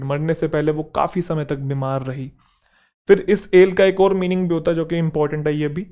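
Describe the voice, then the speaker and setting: A young man from Haryana with a Haryanvi touch in his speech, teaching an exam-prep vocabulary lesson in Hindi and reading English example sentences slowly and deliberately. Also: fairly high pitch, darkish tone. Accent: Haryanvi-tinged Hindi and English. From Haryana, India.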